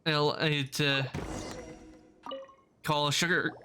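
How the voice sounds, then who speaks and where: A man's voice: fairly high pitch, level tone, very slow, sharp tone, faint music behind. A male streamer casually commenting on a game with wry, joking asides.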